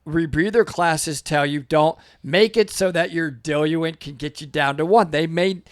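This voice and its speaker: A man with a fairly high-pitched voice gives casual reaction video commentary. He explains technical matters like an experienced diver, and the sound is very dry with no room echo. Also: a little slow.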